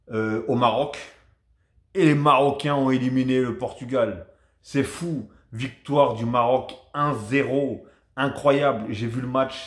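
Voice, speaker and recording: A man from France giving a casual, rambling football match debrief to his viewers, chatty and animated. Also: mid-range voice, reverberant. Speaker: football vlogger.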